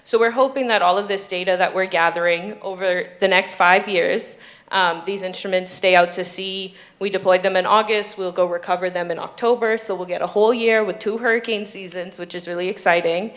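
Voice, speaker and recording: During a panel discussion, a doctoral student in her 20s from the Bahamas earnestly explains her ocean research. She speaks fairly quickly and steadily in a middle pitch range, often pausing with a soft "um."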